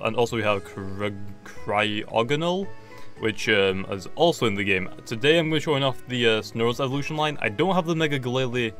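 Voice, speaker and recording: A man's voice: lowish voice, fairly bright tone. A man giving casual gameplay commentary, thinking aloud and correcting himself as he goes. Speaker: gaming YouTuber.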